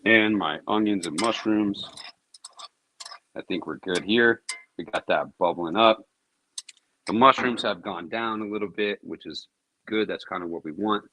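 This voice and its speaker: A man's voice: on the low side, unhurried, pauses often, sharp tone, a little hiss or hum. A man hosting his own cooking vlog, chatting casually and thinking aloud as he grills. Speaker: cooking show host.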